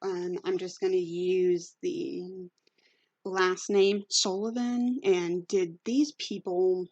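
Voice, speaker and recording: A woman's voice: on the low side, fairly even intonation, slow, darkish tone, dry recording. Thirtysomething woman, medium, loose filler-heavy delivery, dry close sound. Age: 30s. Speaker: psychic medium. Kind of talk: casual spoken monologue. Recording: dull lo-fi recording.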